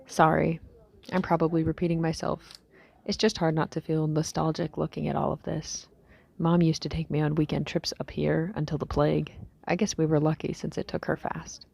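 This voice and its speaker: A woman acts out a weary young female survivor speaking into a recorder for an audio drama diary. Her voice is low, dark and mellow, with heavy vocal fry. She muses haltingly and low-key, her phrases trailing off breathily. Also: flat delivery, heavily acted. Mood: somber, nostalgic. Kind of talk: scripted audio diary monologue, fiction drama.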